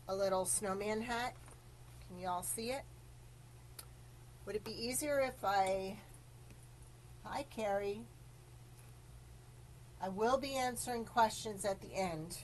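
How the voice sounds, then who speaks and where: A woman hosts a live-streamed craft demo in a mid-range voice, chatting through the steps and saying hello to viewers while coughing now and then after choking. The low-quality recording carries a little hiss or hum.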